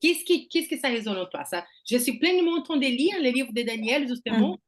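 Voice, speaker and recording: A woman's voice: fairly high pitch, animated, fairly quick. A woman hosting a group talk, explaining ideas through personal examples and checking in with "okay?". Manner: explains with examples, asks "d'accord?". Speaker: workshop host. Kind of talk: conversational teaching.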